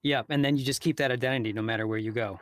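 Fast-talking curious male host. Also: mid-range voice, steady tone, a bit bright, dry recording, studio quality. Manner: chatty, curious, loose phrasing. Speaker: podcast host. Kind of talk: casual interview questions.

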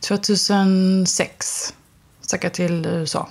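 Woman guest, low and gravelly, candid and easygoing storyteller. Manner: candid, relaxed, many fillers. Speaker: actress and interview guest. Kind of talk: casual storytelling conversation.

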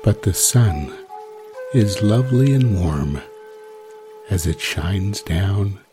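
Over music, a low-pitched man delivers a guided sleep meditation as a sleep story, speaking soothingly and without hurry and pausing at length between phrases.

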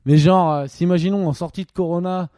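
A young man chats on a home podcast, rambling through crude jokes with constant fillers and restarts. His voice sits a bit high but sounds mellow and relaxed. The mic is close and dry. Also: fast talker, dry recording. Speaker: podcast co-host. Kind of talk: casual chat. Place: home during lockdown. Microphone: studio microphone.

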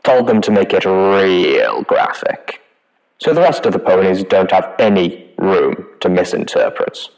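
A man's voice: low-pitched, animated, unhurried, darkish tone, low-quality recording. A man voicing a cruel male pony slaver boss in an audiobook reading, speaking in a cold, threatening way. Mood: menacing.

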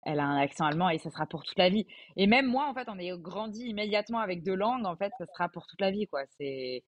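A woman's voice: on the low side, expressive, quick pace, dull audio. A woman in her twenties, a podcast guest, talking casually and hesitantly with lots of fillers. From France. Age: 20s. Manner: hesitant, many fillers, chatty. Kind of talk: casual conversation.

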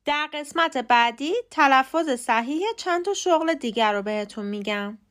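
A woman hosting a short podcast lesson, speaking Persian natively and spelling out English words letter by letter with slow, careful pronunciation. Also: high voice, fairly bright tone, soft background music. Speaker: podcast host and English teacher.

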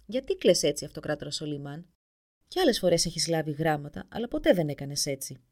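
A woman's voice: low-pitched, big pitch swings, a little mellow. A woman voicing a worried empress questioning her husband. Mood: concerned.

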